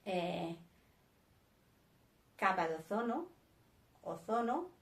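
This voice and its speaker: A woman teaching a vocabulary lesson, saying each word slowly and twice with a Spanish accent. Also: mid-range voice, very animated, roomy sound. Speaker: sign language teacher. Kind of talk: slow vocabulary lesson, naming words one by one.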